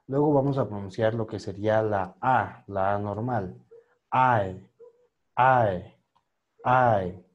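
A man teaching an online pronunciation class over a video call mic, patiently repeating words slowly for students to copy. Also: fairly low pitch, warm tone, lo-fi sound. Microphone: computer microphone on a video call.

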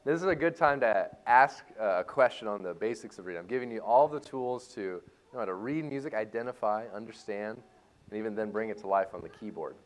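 A man leading a church music lesson for a class, joking and playful as he explains reading music and warming up voices. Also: on the low side, expressive, a little fast. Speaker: music teacher. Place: church hall.

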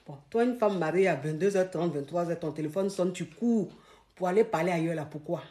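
A woman giving relationship advice in a lively, emphatic monologue, acting out scenes and repeating points for emphasis. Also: lowish voice, a little fast.

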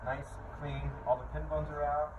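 A man explains a kitchen task in a loose, casual way, full of fillers and asides. He sits at a middle pitch. He sounds a little far from the camera, with clear kitchen noise behind him. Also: flat delivery, moderate pace, narrow, tinny audio. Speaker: chef. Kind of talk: kitchen cooking tutorial. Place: commercial kitchen. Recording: distant mic with kitchen noise.

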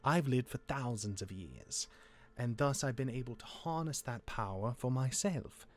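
The same man plays the gruff, jaded demigod older brother in a Minecraft roleplay, with a halting, exasperated delivery that reveals reluctant care. His natural, animated voice is medium-pitched, and the mood is instructive yet reluctant.

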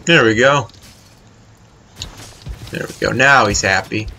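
A man's voice: fairly low pitch, slow, bright, forceful tone, slight background noise. A man giving casual, chatty commentary while playing a video game, swearing freely and talking to the game character. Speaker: let's play host.

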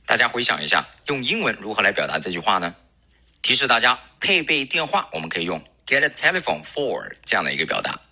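A man teaching English pronunciation in a recorded lesson, a native Chinese speaker who models words slowly and repeats them. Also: fairly low pitch, sing-song, sharp tone.

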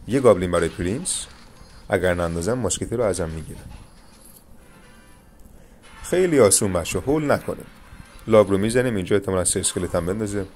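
Young male gaming creator, deep voice, calm coaching play-by-play, faint hiss behind. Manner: calm, coaching, addresses viewers as "guys". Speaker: gaming YouTuber. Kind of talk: live gameplay commentary.

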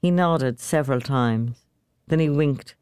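A narrator reading a short story aloud in an expressive, measured way. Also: medium pitch, clean tone, dry recording, clean studio sound.

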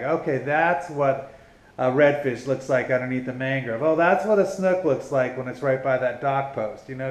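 A middle-aged man talks through fishing basics at home, loose and folksy, often going back over his own words and poking fun at himself. His voice is picked up by a small camera close in front of him in a living room. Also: mid-range voice. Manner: rambling, folksy, self-deprecating. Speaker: fishing channel host. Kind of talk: casual instructional talk.

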